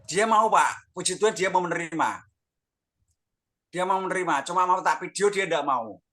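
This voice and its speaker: A man's voice: high-pitched, normal speed, a bit bright. An older man, earnestly telling his personal testimony with lots of quoted dialogue. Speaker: testimony guest.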